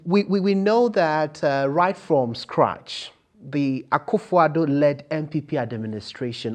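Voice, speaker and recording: A man with a medium-pitched voice acts as interviewer. He frames his questions deliberately, repeating phrases for emphasis. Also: a little mellow. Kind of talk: broadcast-style interview questioning.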